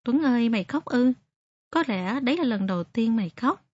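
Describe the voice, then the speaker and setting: A woman voicing a lonely, tender-hearted runaway country boy, speaking softly and wistfully. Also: on the high side, animated, normal speed, husky, no room sound. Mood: tearful. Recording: dry, slightly muffled recording.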